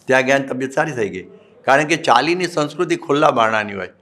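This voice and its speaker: A man's voice: mid-range voice, lively intonation, quick pace, fairly bright tone. A man with a Gujarati accent, a monk preaching a religious discourse, telling folksy stories with acted quotes and chanted Sanskrit verses.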